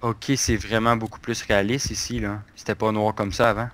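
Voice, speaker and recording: A man's voice: on the low side, level tone, brisk, a bit bright, a little hiss or hum. A man, casually chatting and joking while playing a game. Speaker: gamer co-host. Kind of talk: casual gameplay chat.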